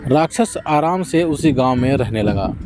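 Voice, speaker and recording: A man narrating a children's folk tale in a gentle, steady scripted storytelling manner. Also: mid-range voice, moderate pace, heavy background noise.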